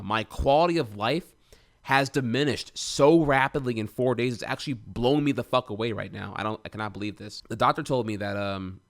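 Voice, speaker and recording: A man's voice: medium pitch, fairly bright tone. A young man telling a personal story in a candid, rambling way, with many restarts and frequent swearing. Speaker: streamer.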